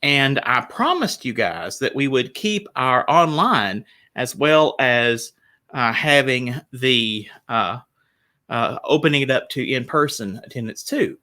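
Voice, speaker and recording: Bright-voiced chatty pastor. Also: male voice, mid-range voice. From United States. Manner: chatty and rambling, with restarts and laughs. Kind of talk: casual livestream Bible study talk. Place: small church parlor room.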